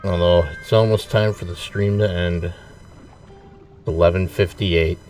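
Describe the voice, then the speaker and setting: A man giving relaxed, rambling commentary while streaming a game, chuckling often as he talks to viewers. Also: low-pitched, unhurried. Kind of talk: casual gameplay commentary. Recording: somewhat distant mic with faint game music. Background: faint game music.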